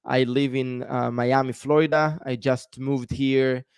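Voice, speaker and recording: A man's voice: mid-range voice, little pitch movement, a little slow, clean tone, no room sound, clean studio sound. A man, a guest explaining at length in a live-stream interview with many ums. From Israel. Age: 30s. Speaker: guest, tech founder.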